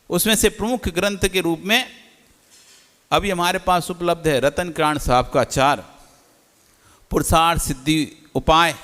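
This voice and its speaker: A male Jain monk gives a sermon-style discourse in a didactic manner, posing questions to the audience and answering them himself. His voice sits high and sounds sharp, and the hall adds a long reverb.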